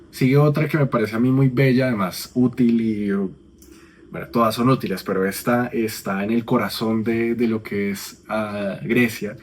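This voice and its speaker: A man teaching the Ancient Greek alphabet in a relaxed classroom manner, often checking in with his students. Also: mid-range voice, slight background noise. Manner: conversational, checks in with "¿no?" and "¿sí?".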